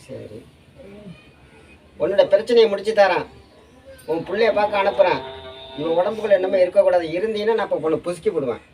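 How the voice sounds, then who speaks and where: A temple oracle medium leads an exorcism ritual, questioning in a commanding way and repeating demands over and over. The voice is mid-range, animated, and fairly quick with frequent pauses. Faint music plays behind, and the distant mic picks up loud noise.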